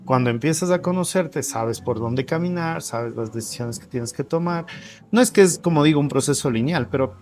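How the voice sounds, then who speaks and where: A man with a somewhat high voice talks as an interview guest in a café. He explains things conversationally and with energy, often asking a question and answering it himself. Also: normal speed, soft background music. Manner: animated, asks and answers own questions.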